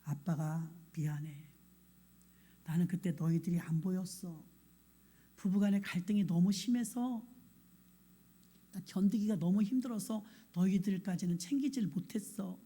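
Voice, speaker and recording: Woman playing a remorseful father, low, soft and confessional, husky mellow tone. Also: heavily acted. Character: remorseful middle-aged father apologizing to his son.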